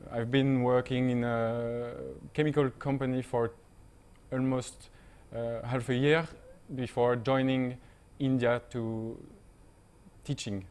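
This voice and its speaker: A young man, a panel guest speaking halting English with many fillers. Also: mid-range voice, little pitch movement, a little mellow, clear, resonant tone. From France. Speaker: panel guest, volunteer teacher.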